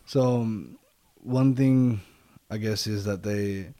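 Guy chatting casually, mellow voice, repeats himself to make a point, really dry sound. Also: lowish voice, slow pace, no echo. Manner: repeats phrases for emphasis. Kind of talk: casual reflective discussion.

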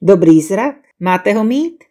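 A woman's voice: mid-range voice, warm tone, close to an everyday voice. A woman voicing a proud male condor who gives a solemn warning in a storybook tale.

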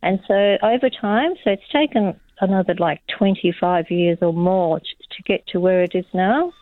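A woman's voice: lowish voice, moderate pace, dry recording. An older woman, interviewed over the phone as a guest, talking in a modest, chatty way with many "you know"s. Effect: heard over the phone. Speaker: guest, home gardener. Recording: narrow phone line, dry.

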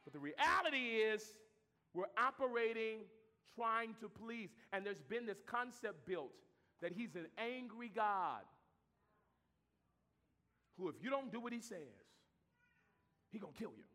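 A man preaching a sermon in a church, moving between shouted declarations and quieter asides. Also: a little slow, pauses often, long reverb tail. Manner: animated preaching, swings from shouting to low asides.

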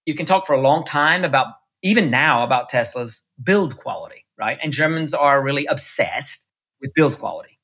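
Husky-voiced man telling stories. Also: mid-range voice, normal speed, sharp tone. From United States. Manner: chatty, many restarts and fillers, acts out quoted dialogue. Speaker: interview guest, electric car executive. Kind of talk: casual storytelling interview. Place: Munich.

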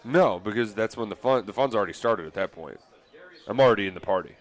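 A man co-hosting live sports radio at a racetrack, excitable and jokey. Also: on the low side, fast talker. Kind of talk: casual radio banter. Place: outdoor live broadcast at a racetrack.

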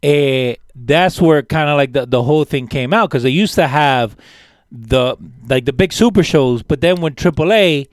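A man's voice: fairly high pitch, normal speed, no echo. Talkative man with a dry, close sound. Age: older than co-hosts. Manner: enthusiastic, rambling with many restarts. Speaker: podcast co-host. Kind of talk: casual chat.

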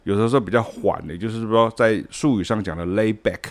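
A man's voice: fairly low pitch, quick pace. A man with a Taiwanese Mandarin accent giving a spoken podcast lesson on music, explaining patiently and singing rhythms in scat syllables. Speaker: music teacher.

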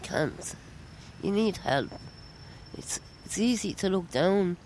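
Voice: medium pitch, expressive, slow, a little mellow, a little hiss or hum, poor audio. A person interviewed outdoors on a street, answering bluntly and tersely.

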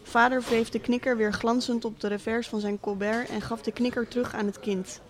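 A woman's voice: a little high, level tone, a little fast, natural voice. A woman reading as a sardonic absent tycoon father. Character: cynical rich middle-aged father, absent tycoon. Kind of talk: literary monologue reading.

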